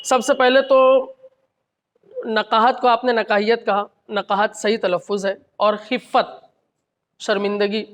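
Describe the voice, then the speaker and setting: A man giving a measured, analytical critique of a short story at a literary gathering, with occasional restarts. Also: sits high, fairly even intonation, fairly bright tone. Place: college hall. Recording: reverberant hall.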